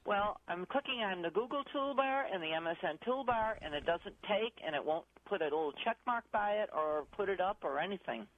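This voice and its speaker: A woman's voice: mid-range voice, animated, a little fast, hardly any pauses. Hesitant woman, radio show caller on the phone. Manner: hesitant, rambling, searches for the right words. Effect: voice heard over a phone line into a radio show. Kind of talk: casual call-in question. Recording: tinny phone line.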